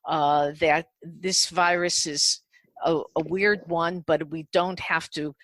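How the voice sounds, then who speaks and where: A woman hosting a talk show interview, asking measured, deliberate questions. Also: low-pitched, fairly even intonation, fairly bright tone, dry recording.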